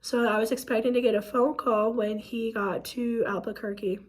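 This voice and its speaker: A hoarse woman, sick for a while, telling a painful personal story in a halting, emotional vlog. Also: fairly high pitch, level tone. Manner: emotional, halting, many fillers. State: hoarse from illness. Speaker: vlogger.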